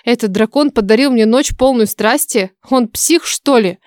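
A woman narrating a first-person fantasy audiobook in an expressive, lively storytelling manner. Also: fairly high pitch, normal speed, no room sound, studio quality.

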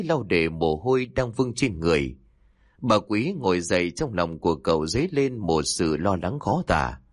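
A man narrating a ghost story in a slow, suspenseful way. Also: deep voice, no echo, clean studio sound.

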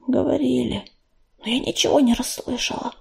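Woman voicing a calm wise mentor cat. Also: fairly high pitch, unhurried, vocal fry. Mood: hushed.

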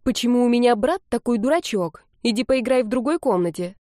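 A woman voicing a sharp-tongued young woman who snaps impatient retorts. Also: a little high, lively intonation, a little fast, dry recording, clean studio sound, voice pushed up, lightly acted. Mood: snappish. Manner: snapping, hissing retorts.

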